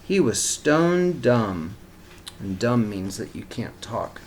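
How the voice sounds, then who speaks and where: Over a faint hiss or hum, a man with a fairly low, slightly mellow voice reads a picture book to young kids, very animated and slow. He explains things as a teacher would, mixing lively storytelling with asides.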